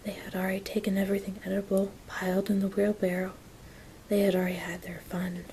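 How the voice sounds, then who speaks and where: Woman whispering a bedtime-style asmr book reading, soft n even, bit of low rumble in the bg. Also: poor audio. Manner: whispering and very soft, gentle unhurried delivery. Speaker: reader of an audiobook-style story.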